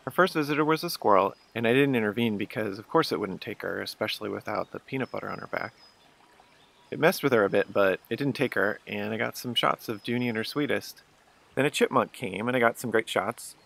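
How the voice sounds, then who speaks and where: A man's voice: fairly low pitch, fairly quick, vocal fry, fairly bright tone. A man narrating a wildlife photo video in casual storytelling, earnest and self-deprecating.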